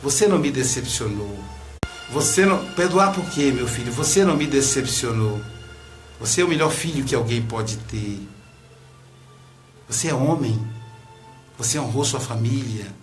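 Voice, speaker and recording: A man voicing a grieving Brazilian father who speaks with tender remorse, over soft music. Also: medium pitch, expressive, normal speed, long pauses, close to an everyday voice. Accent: Brazilian Portuguese.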